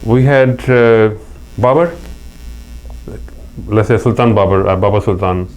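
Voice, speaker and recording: In a fairly low, somewhat mellow voice and an unhurried pace, a middle-aged man from Pakistan recounts stories during a casual interview. His Pakistani accent comes through, and he's earnest and anecdotal, with many false starts. The audio is poor and has a faint mains hum.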